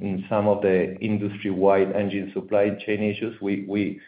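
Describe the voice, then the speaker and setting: A man presenting company results over a conference call line that keeps cutting out, talking in a halting way and often repeating his words. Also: fairly low pitch. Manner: halting, stumbling delivery with many repeated words. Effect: heard over a conference call line that keeps cutting out. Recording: echoey, tinny phone-like call line.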